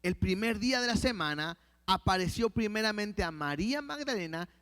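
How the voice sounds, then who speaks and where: A man's voice: sits high, animated, normal speed, fairly bright tone, in a large hall. A man preaching, who reads Bible verses aloud and then explains them, often restarting his words. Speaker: pastor. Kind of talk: sermon with Bible reading.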